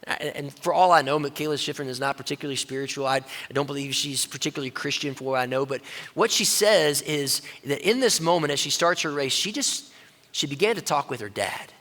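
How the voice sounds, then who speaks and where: A male pastor preaching a sermon in a conversational way, dropping low and quiet when quoting God. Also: a little fast. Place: church auditorium. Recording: long reverb of a church hall.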